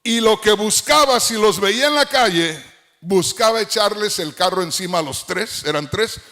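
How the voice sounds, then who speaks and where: A middle-aged man preaching a sermon, fervent, at times shouting and half-singing his phrases. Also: high-pitched, animated, moderate pace.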